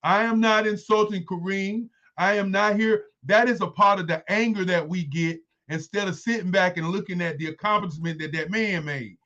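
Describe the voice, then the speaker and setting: A man's voice: sits high, moderate pace, hardly any pauses, bright, forceful tone, muffled recording. A man in his sixties, a guest in a casual interview, talking in an emphatic, repetitive, insistent way. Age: 60s.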